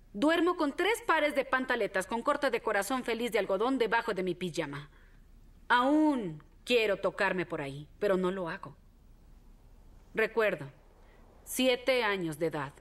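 A woman playing an adult woman from a shelter, recalling her childhood in plain, halting first person. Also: fairly high pitch, a bit bright.

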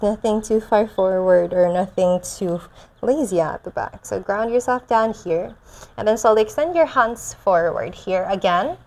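A young woman teaching restorative yoga and guided meditation in a soothing, gentle manner. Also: medium pitch. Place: large bare indoor room with concrete floor. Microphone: chest-worn mic.

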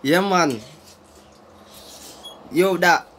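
A young man comments casually on an eating contest. He exclaims excitedly and repeats his phrases. It is a phone recording in a home, with some light noise. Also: sits high, very slow. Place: small room at home, phone camera. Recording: slightly noisy phone recording in a room.

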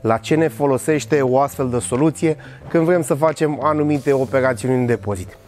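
Soft background music plays as a man in his thirties, with a medium-pitched and slightly mellow voice, presents a product in a large warehouse. He's upbeat and scripted, demonstrating as he walks and works.

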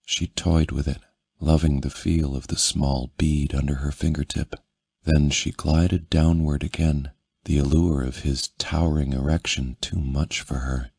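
A man reading a romance audiobook as narrator, in a low, intimate manner. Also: flat delivery, a little slow, vocal fry, darkish tone, breathy edge, no echo, clean studio sound. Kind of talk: scripted narration.

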